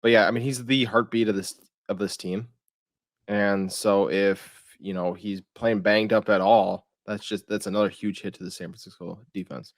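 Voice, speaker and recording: A man's voice: on the low side, steady tone, moderate pace, no room sound, clean studio sound. A man co-hosting a sports podcast, laid-back and hesitant, with frequent fillers. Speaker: podcast co-host. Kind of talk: casual sports talk.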